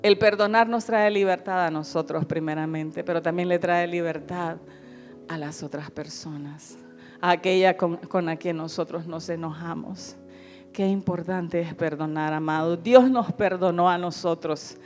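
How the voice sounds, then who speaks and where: A woman's voice: fairly low pitch, steady tone, a little slow, soft background music. A middle-aged woman pastor preaching a sermon in an earnest, pleading way, often calling her listeners beloved.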